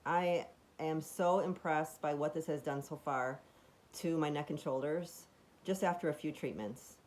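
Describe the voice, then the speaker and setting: A woman with a low, raspy, deeper voice films a casual home vlog demonstrating a device. She speaks unhurriedly and a little mellow, yet enthusiastically, chatting and meandering with many fillers and restarts.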